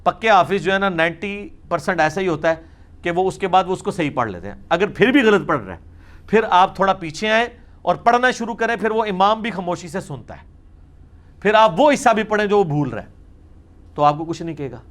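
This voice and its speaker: A man with a Pakistani Urdu accent teaches in a religious question-and-answer lecture, recorded in a studio. His voice sits a bit high for a man, and he explains things emphatically, with wry asides and English words slipped into his talk. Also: lively intonation, a bit bright. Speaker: Islamic scholar answering questions.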